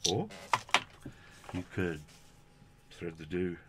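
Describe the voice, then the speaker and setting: A British man in his fifties, speaking slowly in a low voice, gives an unscripted unboxing review from a small, cluttered indoor room. He's casual, chatty, rambling and self-deprecating, and there's heavy background noise.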